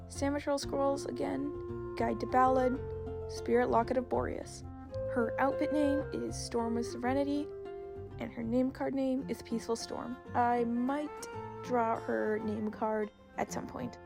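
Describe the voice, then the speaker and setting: A young woman with a fairly high, creaky voice does a casual, chatty voice-over, rambling and poking fun at herself. She's a video creator and artist, and music plays in the background.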